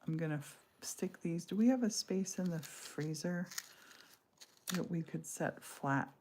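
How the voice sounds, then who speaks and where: A woman's voice: lowish voice, a little slow, a little mellow, a little hiss or hum. A woman in her sixties chatting casually and rambling while crafting during a livestream from her home studio. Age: 60s. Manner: chatty, rambling, self-interrupting. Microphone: livestream device mic.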